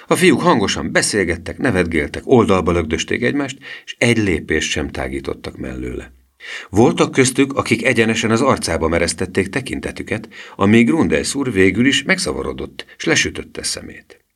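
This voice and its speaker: A man narrating a children's story aloud with a very deep voice. His intonation swings widely as he reads, keeping the storytelling expressive and animated. The delivery is a steady, scripted storybook narration. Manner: expressive reading with lively voice swings. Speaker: audiobook narrator.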